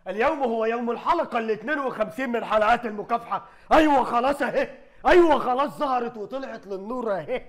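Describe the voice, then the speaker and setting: A man with an Egyptian accent giving loud, sarcastic comedy commentary on clips, often laughing as he talks. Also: very high voice. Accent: Egyptian Arabic.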